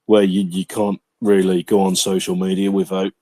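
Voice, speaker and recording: A man's voice: sits low, monotone, normal speed, warm tone. A man hosting a casual podcast, chatty and often repeating words as he starts a sentence. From England. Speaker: podcast host. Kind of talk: casual chat.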